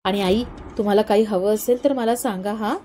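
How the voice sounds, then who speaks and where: A woman's voice: mid-range voice, fairly even intonation, moderate pace, warm tone, a little hiss or hum, lightly acted. A woman voicing a sulky, defensive daughter-in-law.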